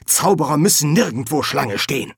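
A man's voice: fairly high pitch, animated, a little fast, creaky, slightly rough, dry recording, studio quality, pitched above the performer's own voice, heavily acted. A man voicing a flustered, pompous old wizard dean in an audiobook. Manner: bewildered, blustering.

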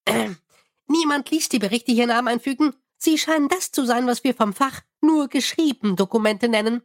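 A man voicing a small, eager male goblin clerk in an audiobook, with a squeaky, fussy and formal way of speaking. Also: normal speed, dry recording, clean studio sound. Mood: pedantic. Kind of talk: audiobook character voice.

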